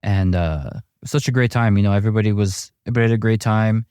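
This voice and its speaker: A middle-aged man with a low, mellow voice talks easily, his words full of fillers and little restarts. The sound is dry and close, with no room around it. He tells his stories at an unhurried, conversational pace. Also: clean tone, no room sound. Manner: relaxed storytelling with many fillers and restarts. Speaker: amateur golfer guest. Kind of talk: casual chat.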